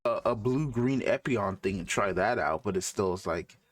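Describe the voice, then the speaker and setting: A man's voice: lowish voice, moderate pace. A man co-hosting a casual podcast chat, teasing and incredulous as he talks. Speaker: podcast co-host.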